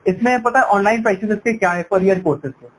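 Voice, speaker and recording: Brisk and high-pitched, a male education sales counselor delivers a persuasive, explanatory pitch. He alternates Hindi and English and often tacks on "right?" tag questions. It's a noisy sales call recording.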